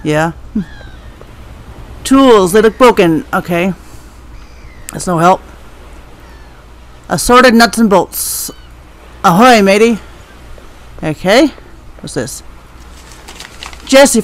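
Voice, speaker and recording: A man with a notably high voice plays through a game and comments casually. He thinks aloud in a hesitant way and reads out the notes he finds. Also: animated, slow, long pauses. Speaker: video game player.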